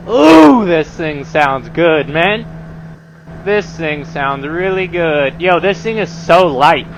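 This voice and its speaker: A man's voice: fairly high pitch, a bit bright. A man vlogging as he rides, talking casually to viewers in slangy, profanity-laced language. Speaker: motorcycle vlogger. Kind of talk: casual riding commentary to viewers. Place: outdoors, riding a motorcycle on the road. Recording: noisy outdoor motorcycle ride, engine and traffic.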